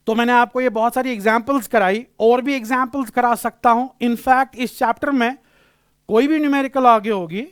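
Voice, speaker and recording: High-voiced man teaching physics. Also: smooth, no echo, clean studio sound. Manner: explains patiently, calls students beta, repeats key phrases. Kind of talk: classroom lecture.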